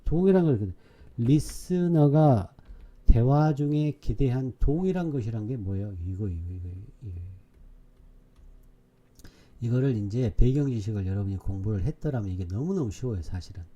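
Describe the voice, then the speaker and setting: A man's voice: mid-range voice, expressive, moderate pace, mellow, dull audio. A male teacher giving an online exam-prep English lecture, repeatedly asking his students questions and answering them himself. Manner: repetitive, drilling questions to students.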